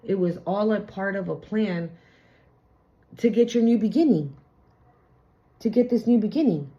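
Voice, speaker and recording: A woman's voice: mid-range voice, expressive, unhurried. A woman giving a casual tarot reading, chatty, blunt and sassy, with frequent swearing. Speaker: tarot reader. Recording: slightly muffled lo-fi recording.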